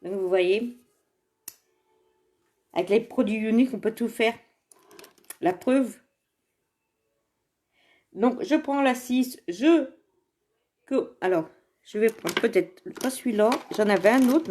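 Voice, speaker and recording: A woman's voice: on the high side, slow pace, pauses often, darkish tone, slight background noise. A woman chatting and rambling through a casual live makeup demo, laughing often and greeting viewers by name, filmed on a phone at home. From Saint-Étienne area, France. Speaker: direct seller presenting makeup products. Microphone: phone camera in front of her.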